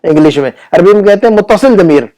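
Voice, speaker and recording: High-voiced man teaching grammar patiently. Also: expressive, warm tone. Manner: patient, repetitive explaining with frequent checking questions; recites word lists slowly and deliberately. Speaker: Arabic teacher. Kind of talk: classroom grammar lesson.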